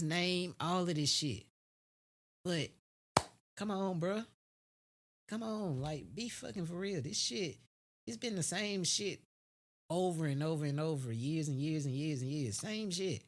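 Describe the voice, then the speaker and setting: An American speaker in a casual, unscripted opinion monologue, blunt and heavily profane, using street slang and repeating phrases for emphasis. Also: medium pitch. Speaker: podcast host.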